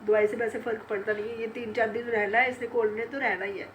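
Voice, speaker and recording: A woman's voice: on the high side, flat delivery, fast, a little hiss or hum. A middle-aged woman vlogging in casual chat, congested and sore-throated from a cold, laughing often as she retells family talk.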